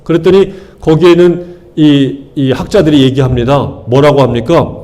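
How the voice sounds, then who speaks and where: A man's voice: on the high side, steady tone, normal speed, mellow. A male pastor preaching a sermon, firing questions at his congregation and hammering key words through repetition. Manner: call-and-response questions to the congregation, emphatic repetition.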